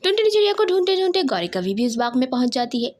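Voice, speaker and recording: Woman narrator, children's cartoon story, expressive, lively pitch, higher voice. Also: very fast.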